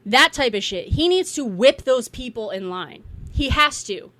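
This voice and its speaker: A woman's voice: a little high, animated, a little slow, fairly bright tone, no echo. A woman giving a blunt, profane, exasperated political rant in a casual, unscripted way. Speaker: political commentator.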